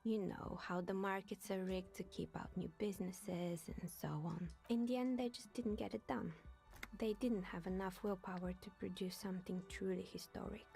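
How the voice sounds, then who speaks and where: An actress plays a sardonic older woman in a video game, recalling old acquaintances in a gravelly half-whisper. Her pitch sits in the middle for a woman. Faint music plays underneath her lines. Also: steady tone, normal speed, mellow, natural voice. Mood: dry. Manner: dry, sardonic storytelling. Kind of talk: voiced game dialogue.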